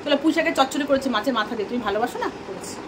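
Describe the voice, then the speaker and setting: A woman vlogging casually from her home, chatting to viewers and scolding her daughter, her throat a little hoarse. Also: high-pitched, animated, rapid-fire, background noise. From Bengal. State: throat slightly hoarse lately. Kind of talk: casual home vlog chat. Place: home kitchen and bedroom.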